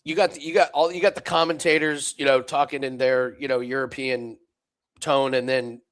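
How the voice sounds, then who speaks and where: Laughing often, this American co-host calls darts scores and bets play by play during a casual live chat. He speaks at a moderate pace in a mid-range, slightly bright voice with a level tone.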